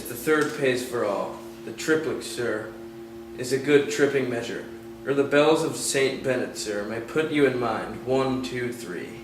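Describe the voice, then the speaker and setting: A man's voice: mid-range voice, close to an everyday voice. A young man playing a witty, mocking jester in an amateur Shakespeare performance, with playful, punning delivery. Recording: echoey room, far from mic, noisy.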